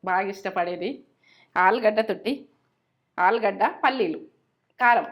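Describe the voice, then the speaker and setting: A woman's voice: mid-range voice, moderate pace, lo-fi sound. A middle-aged woman hosts a cooking channel, chatting and giving homely advice and repeating herself as she goes. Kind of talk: casual cooking chat with advice.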